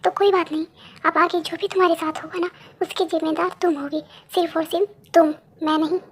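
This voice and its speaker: A woman's voice: extremely high pitch, fairly even intonation, brisk. A woman voicing a jealous young rival who issues cold threats in a fan dub. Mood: menacing. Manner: cold, menacing.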